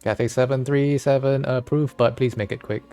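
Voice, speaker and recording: A man's voice: medium pitch, steady tone, moderate pace, dark tone, faint music behind. A man acting as air traffic controller, giving clipped radio instructions to pilots.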